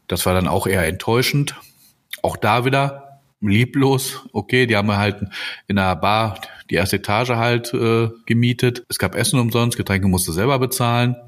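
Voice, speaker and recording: Male podcast co-host with a lowish voice, unhurried casual delivery. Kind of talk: casual chat.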